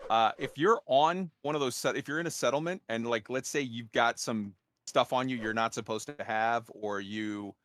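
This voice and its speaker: A man hosting a live casual gaming roundtable, talking in an animated way and acting out quotes. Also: mid-range voice, moderate pace, no room sound. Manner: animated, acts out quotes when telling tips. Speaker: host of a game roundtable. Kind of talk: live casual panel chat.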